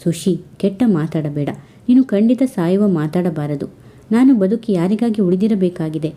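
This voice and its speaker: A woman voicing a young village man who teases gently and speaks tenderly, read in a soft storytelling voice. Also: fairly low pitch, animated, normal speed, natural voice. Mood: earnest.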